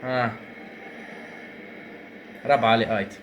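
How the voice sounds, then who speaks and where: A young man with an Algerian Arabic accent, commentating his own gameplay. He grumbles to himself and then bursts into excited shouts. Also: medium pitch, a little slow, noisy background. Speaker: gaming streamer.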